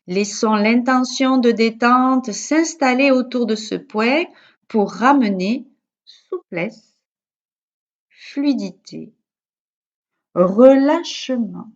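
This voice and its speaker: In a slightly muffled, lo-fi recording, a woman who teaches yoga leads a very slow yoga nidra. She has a fairly high voice and keeps things calm and measured, pausing soothingly between instructions.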